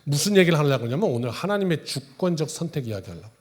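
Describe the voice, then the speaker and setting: A male pastor preaches in a church in a loose, conversational way. He jokes and pulls the congregation into role-play. His voice sits a little high for a man. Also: sing-song, fast, a little mellow. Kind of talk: sermon. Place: church sanctuary.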